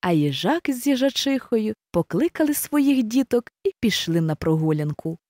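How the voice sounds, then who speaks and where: Expressive woman reading a children's story. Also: on the high side, normal speed, dry recording, studio quality. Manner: expressive, animated.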